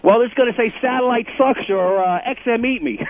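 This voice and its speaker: A man's voice: very high-pitched, fairly quick, a little hiss or hum. A man calling a talk radio show, persistently pushing his ideas over the host. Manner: persistent, talks past the host. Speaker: caller. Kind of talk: phone call to radio show. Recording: tinny phone line.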